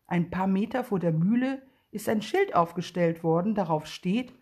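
Hauchige Frau, die eine Kindergeschichte vorliest. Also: female voice, mid-range voice, normal speed, husky. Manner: lively, expressive storytelling. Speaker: storyteller. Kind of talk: reading a children's story aloud.

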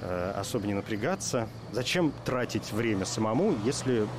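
A man's voice: fairly low pitch, very animated, moderate pace, background noise. A man hosting a radio show, reading a fairy tale and chatting in a playful, ironic way. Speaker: radio host. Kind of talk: storytelling and casual radio talk.

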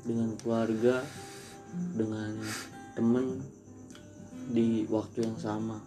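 A man's voice: lowish voice, little pitch movement, takes it slowly, music in the background. A young man hosting a casual podcast chat and putting questions to friends. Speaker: podcast host. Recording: clearly noisy room with clicks.

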